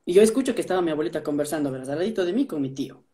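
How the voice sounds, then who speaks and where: A man with an Ecuadorian accent, telling stories in an animated casual chat, restarting his sentences often. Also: on the high side, racing. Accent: Ecuadorian Spanish. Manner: animated storytelling, many restarts.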